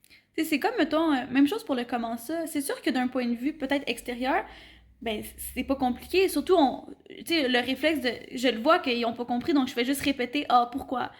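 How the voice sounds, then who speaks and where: A woman's voice: high-pitched, fairly quick. A young woman with a Québécois accent, a student teacher telling classroom anecdotes casually and animatedly. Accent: Québécois French. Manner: animated anecdotes, acts out quoted remarks. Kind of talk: casual storytelling chat.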